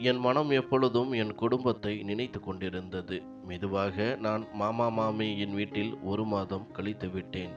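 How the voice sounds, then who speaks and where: A man narrating a scripted first-person story, reading steadily and sorrowfully in short measured sentences. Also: lowish voice.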